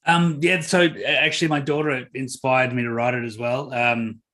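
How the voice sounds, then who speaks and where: A middle-aged man speaks as a guest on a podcast interview. His tone is earnest and he pauses often with fillers while telling stories, at a medium pitch. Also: steady tone, sharp tone. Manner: earnest, storytelling, many fillers.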